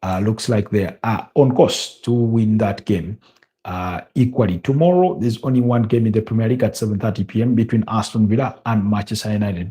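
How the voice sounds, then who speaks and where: A man from Africa hosting a football watch-along, giving live match updates and casual news in a deliberate, hesitant way with repeated phrases. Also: mid-range voice, warm tone.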